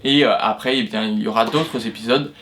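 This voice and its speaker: A man's voice: medium pitch, a little fast, fairly bright tone. A man hosting an explainer video, talking it through casually with many fillers and restarts and the odd self-mocking aside. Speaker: video host.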